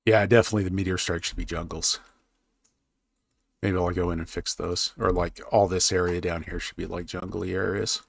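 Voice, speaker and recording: Low gravelly man musing over his map. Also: level tone, normal speed, no echo. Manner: thinks aloud, muttering while he works, then perks up to talk to chat. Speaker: streamer drawing a fantasy map with chat. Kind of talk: casual live-stream chat while working.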